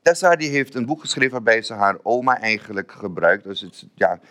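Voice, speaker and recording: A man of Surinamese descent hosting a live event, telling stories in an animated, self-mocking way and often repeating words. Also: on the low side, fairly quick. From Surinamese family. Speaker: event host. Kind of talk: comic stage storytelling.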